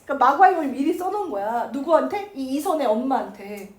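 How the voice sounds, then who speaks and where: A woman teacher giving a chatty literature lecture, acting out the characters' lines in quick asides. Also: sits high, very animated. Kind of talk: lively lecture retelling a classic novel.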